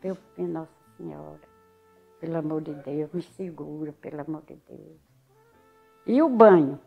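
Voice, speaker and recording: A woman's voice: deep voice, moderate pace, vocal fry, breathy edge, phone-quality sound, faint music behind. An older woman with a Northeastern Brazilian accent from Alagoas, telling her story in a casual interview and acting out what others said. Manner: lively storyteller who acts out other people's words.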